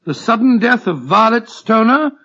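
An actor playing a genial, easily flustered older British doctor who bumbles and repeats himself, in a 1940s radio drama. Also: male voice, very high voice, animated, moderate pace, bright, forceful tone, breathy edge, exaggerated voice. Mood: amiable, earnest. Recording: muffled old radio recording.

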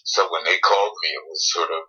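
Deep-voiced man on a phone speaker. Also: fairly even intonation, quick pace, bright, forceful tone, lo-fi sound. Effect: heard over a phone on speaker. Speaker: interview guest. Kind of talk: casual phone chat.

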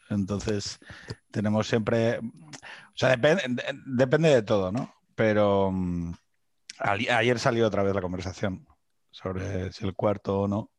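A man's voice: fairly low pitch, measured pace, no echo. A man hosting a podcast, a father of three, chatting casually in a hesitant, thinking-aloud way. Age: young adult to middle-aged, father of three. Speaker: podcast host. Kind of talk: casual chat.

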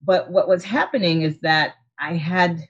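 A woman's voice: on the low side, unhurried, husky, muffled recording. A woman in her forties from Haiti, an optometrist, telling her story in an earnest, reflective way over a video call. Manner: earnest, reflective, with frequent restarts and soft laughs. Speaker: optometrist and practice owner, guest. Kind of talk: casual interview storytelling.

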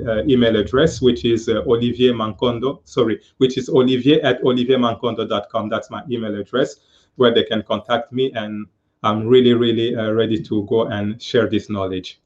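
A man in his fifties, a guest on a live-stream interview, speaking earnestly with many pauses and fillers over a video call. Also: medium pitch, muffled recording. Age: 50s.

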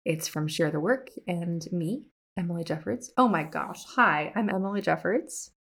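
A woman who hosts an art business podcast and teaches art speaks to listeners in a chatty, casual monologue, laughing at herself and adding upbeat emphasis. Her voice is lowish, animated, and a bit bright, at a moderate pace.

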